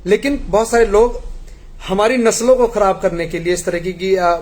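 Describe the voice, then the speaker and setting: A man's voice: high voice, steady tone, normal speed, a little mellow. A middle-aged man from India earnestly pleading with a congregation, telling parables in a devotional appeal.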